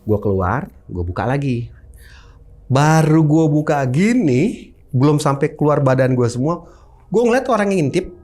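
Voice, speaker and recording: A man's voice: fairly high pitch, a little slow. A middle-aged man telling a personal ghost story in a casual chat, acting out the sounds with his voice. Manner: animated, mimics sounds with his voice.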